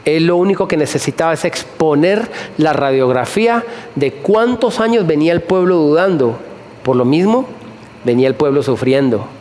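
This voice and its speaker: A man preaching a sermon to a congregation, animated, repeating phrases and firing questions at the listeners. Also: fairly high pitch, normal speed, slight background noise. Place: church hall before a congregation.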